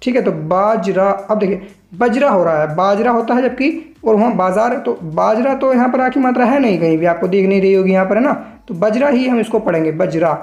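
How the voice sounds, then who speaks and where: A woman teaching shorthand in a patient tutorial, slowly spelling out each stroke and repeating syllables. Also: mid-range voice, lively intonation, a little mellow, roomy sound, dull audio. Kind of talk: step-by-step tutorial explanation.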